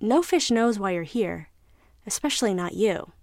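A woman voicing a mysterious luring light that speaks slowly, softly and knowingly. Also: medium pitch, expressive, no echo, studio quality, natural voice.

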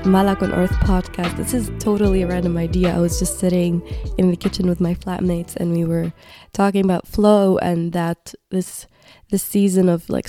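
A woman's voice: on the low side, warm tone, no room sound, clean studio sound. A woman in her twenties from Palestine, hosting a casual solo podcast and rambling as she searches for words. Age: 20s. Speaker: podcast host.

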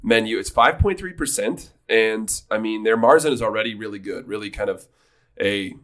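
A man's voice: fairly low pitch, normal speed, a bit bright. A man in his thirties co-hosting a podcast in casual, jokey chat, rambling with restarts. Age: 30s. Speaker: podcast co-host.

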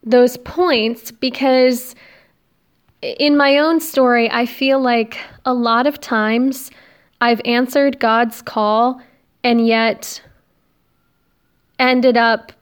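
A woman's voice: fairly high pitch, fairly even intonation, extremely slow, long pauses, smooth. A young American woman with a slight lisp from new braces, talking casually and confessionally as a solo podcast host into her phone, rambling and self-deprecating. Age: young adult. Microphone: recording on a phone.

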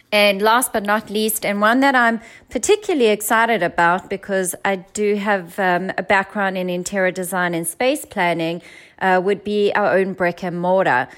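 A young South African woman speaks in a smooth, resonant voice. She talks steadily and fluently as a founder being interviewed, with only the odd um. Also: mid-range voice, normal speed. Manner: fluent, steady, with occasional ums. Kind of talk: pitching her business in an interview.

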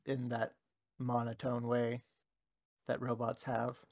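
A man's voice: mid-range voice, monotone, slow pace, gravelly, a little mellow. Teasing man with a theatrical streak. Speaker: channel co-host. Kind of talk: casual chat.

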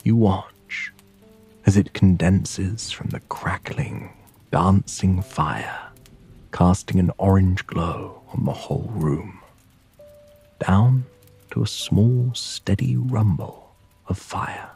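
A man narrating a sleep story in a hushed, soothing, breathy voice that often slips into a whisper, guiding the listener to relax. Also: low voice, slow pace, soft background music. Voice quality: breathy, husky.

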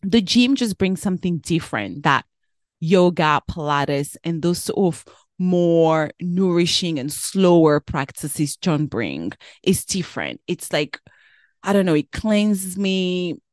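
Chatty woman with a low, dry voice. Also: lively intonation, slow, no echo. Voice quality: chatty, rambling with self-corrections. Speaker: podcast host. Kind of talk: casual solo podcast chat.

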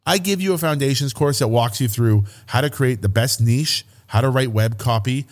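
A man hosting a podcast, delivering an emphatic, hyped-up sales pitch in the manner of a coach. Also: moderate pace. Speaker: podcast host. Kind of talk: promotional podcast monologue.

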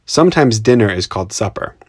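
A man's voice: on the low side, animated, fast, breathy edge, no room sound, clean studio sound. A man co-hosting a children's storytelling podcast, explaining things in simple terms, recorded at home without a proper mic. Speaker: podcast co-host.

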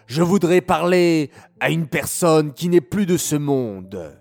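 A man's voice: on the high side, lively intonation, slow, gravelly, darkish tone, faint music behind, heavily acted. A man voicing a desperate, commanding king in a children's story, with a lamenting, sing-song manner.

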